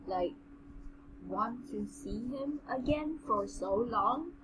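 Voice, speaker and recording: On a casual read-along podcast, a woman co-host reads a novel aloud and adds commentary, mixing amateur reading with chat. Her voice is on the high side and expressive, she takes it slowly, and her talk is earnest, rambling, and hesitant, with noisy background.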